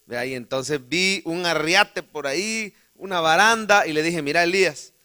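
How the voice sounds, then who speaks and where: A fairly high, sharp, clear and resonant voice belongs to a pastor with a Salvadoran Spanish accent, preaching at a moderate pace in a church sanctuary. He spins a humorous, folksy story about himself and refers to his listeners as brother.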